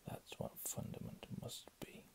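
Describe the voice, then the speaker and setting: A man reading under his breath in a hushed ASMR whisper, with casual murmured asides. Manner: slow, hushed delivery. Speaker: ASMR reader.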